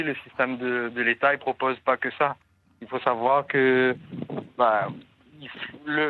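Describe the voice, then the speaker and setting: A man calling in to a radio talk show over a landline phone, giving his view earnestly and thinking aloud as he goes. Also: medium pitch. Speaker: caller. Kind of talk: radio call-in comment. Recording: dull lo-fi phone line.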